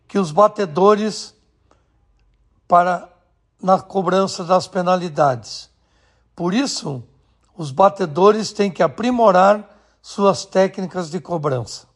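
A man from Rio do Sul delivers scripted radio sports commentary into a studio microphone. His voice sits high for a man, and he reads slowly and deliberately. He breaks his lines into short, measured phrases.

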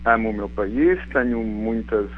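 A middle-aged Portuguese man, a guest author and biology professor, speaks in a lowish, unhurried voice with a European Portuguese accent softened by Brazilian sounds. Joining a live radio interview by telephone, he searches thoughtfully for words with restarts, over a tinny line with slight background noise.

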